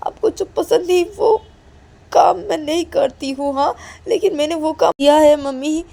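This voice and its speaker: Woman voicing anxious young daughter; high-pitched pleading, gravelly edge. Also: normal speed, dark tone. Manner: high pleading, repeated pleas. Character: frightened young woman pleading with her mother.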